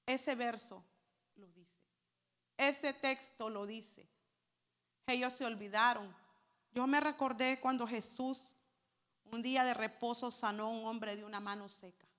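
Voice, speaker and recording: A woman's voice: fairly high pitch, steady tone, measured pace, pauses often, a bit bright. A woman preacher delivering a sermon to her congregation, calling them brothers and explaining Hebrew words for holy. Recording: hall reverb.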